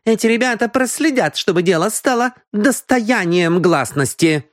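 A man voicing a sharp young actress who accuses a card cheat, in a shrill, accusing voice. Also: expressive, normal speed, no room sound, studio quality.

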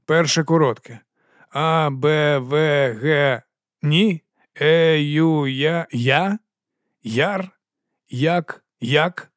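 A man's voice: fairly high pitch, very slow, dry recording, studio quality. A man voicing a weary, hard-drinking middle-aged watch captain in an audiobook, tired and resigned.

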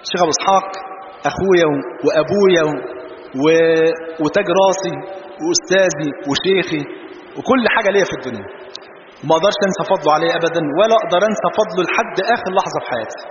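A man from Egypt with an Egyptian Arabic accent, preaching a sermon full of humorous anecdotes and telling his stories in an animated way. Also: a little high, very fast. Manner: animated storyteller, mixes jokes with religious phrases. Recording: dull, roomy, noisy hall recording.

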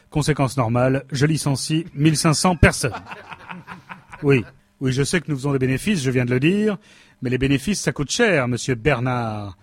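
A man's voice: medium pitch, a little mellow, dry recording, natural voice. A man playing a cynical male company boss who fires his staff with smug sarcasm, in a stage comedy sketch. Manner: smug, sarcastic, coldly dismissive.

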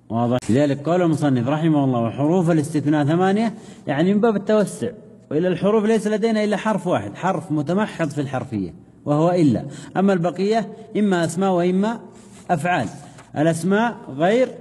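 A man's voice: fairly high pitch, dark tone, big-room sound. A man teaching a grammar lesson, reading a text aloud, then asking the class questions and answering them himself. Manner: reads source text aloud then explains slowly.

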